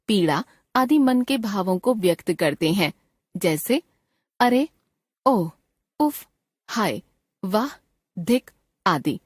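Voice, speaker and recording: A woman reading a scripted grammar lesson, giving definitions and example sentences in a measured, deliberate way. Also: medium pitch, darkish tone, dry recording, studio quality. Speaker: grammar teacher. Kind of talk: scripted textbook lesson narration.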